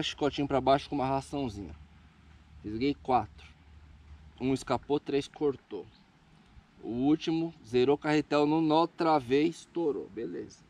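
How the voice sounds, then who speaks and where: A man in his thirties with a Brazilian Portuguese accent hosting a casual fishing vlog outdoors by a lake, giving chatty play-by-play with bursts of excitement while fighting fish. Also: mid-range voice. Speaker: fishing show host.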